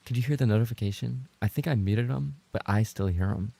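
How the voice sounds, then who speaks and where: A livestreamer and ASMR voice actor reads chat and rambles casually, trading playful banter with his viewers. His gravelly, husky voice is mid-range, brisk, and mellow.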